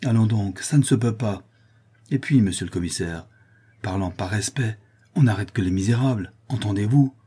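A man's voice: fairly low pitch, fairly quick, warm tone, husky. Man voicing a distraught old artisan father. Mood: distraught pleading. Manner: pleading, agitated, raised voice.

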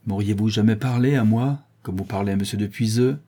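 A man's voice: brisk, dark tone, slightly rough. A man doing a bitter young peasant hunter. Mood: brooding. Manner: low, sombre and bitter.

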